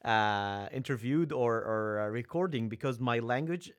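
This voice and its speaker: A man's voice: mid-range voice, normal speed. Young man, Egyptian accent, native Arabic speaker; hesitant guest with many ums and restarts. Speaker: seminary student guest. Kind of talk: casual interview chat.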